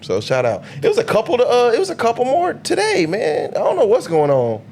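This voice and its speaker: Animated, profane man in group chat. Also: very high-pitched, fairly quick, creaky, slight background noise. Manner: animated, profane, acts out quoted people. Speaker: podcast co-host. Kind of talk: casual group debate.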